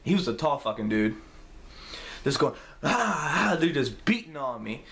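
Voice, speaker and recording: A young man telling a story on his vlog, casual, profane and animated. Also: medium pitch, moderate pace. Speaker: vlogger.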